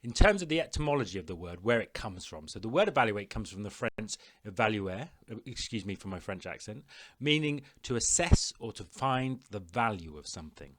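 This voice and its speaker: Man teaching a lively classroom lesson. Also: lowish voice, brisk. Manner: clear, instructive, addressing pupils.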